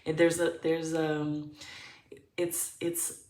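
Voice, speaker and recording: A woman's voice: sits low, completely flat delivery, slow, a little mellow, far from the mic. A woman giving a pick-a-card tarot reading to her viewers. She thinks aloud as she talks, searching for her words in an upbeat way. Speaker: tarot reader. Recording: roomy, voice away from the mic.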